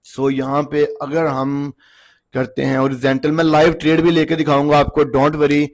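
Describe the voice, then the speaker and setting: Slightly hoarse man teaching chart trading. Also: fairly high pitch, little pitch movement, normal speed. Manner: chatty, repeats checks like "okay ji" and "look". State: slightly hoarse from long talking. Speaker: trading instructor. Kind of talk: casual screen-walkthrough lesson.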